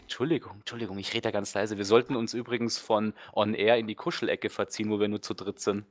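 Guy with a lowish voice chatting on a podcast, rambly, filler words everywhere. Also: level tone, a little fast. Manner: rambling, filler-heavy, opinionated. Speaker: guest let's player. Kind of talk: casual podcast chat.

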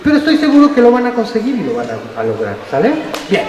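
Talking fast in a high voice with wildly swooping pitch, an older man with a Mexican Spanish accent entertains trainee teachers in a school auditorium. He jokes with the crowd and acts out voices in a playful, lively talk, recorded by a distant mic in a roomy hall with faint noise.

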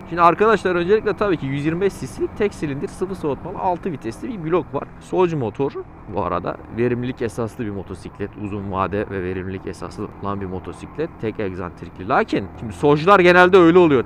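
A man talking casually inside a helmet while riding a motorcycle, giving a chatty, slangy review and thinking aloud. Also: a little high. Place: outdoors, riding a motorcycle on the road. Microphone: microphone inside a helmet. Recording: inside a helmet, clear road noise. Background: engine and outdoor traffic noise.

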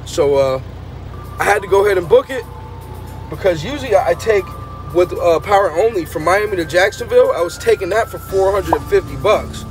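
Holding his phone out at arm's length, a man in his thirties who drives trucks talks to camera in a high, animated, fairly quick voice. He's chatty, fed up, and says bro a lot, recording at farms, loading docks, and in the cab while soft music plays behind him.

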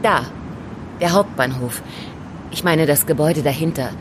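In a German audio drama, a woman with a low-sitting voice plays an elegant, composed young informant, a calm and self-assured figure who knows more than she lets on. Over a noisy background and at normal speed, she explains things confidently in a teasing, didactic manner, lightly acted.

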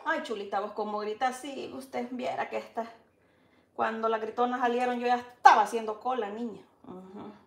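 A Salvadoran woman with a slightly high, steady voice hosts a casual cooking show at normal speed. Chatty and teasing, she calls out her dishes like a street vendor, in an echoey kitchen with clattering dishes.

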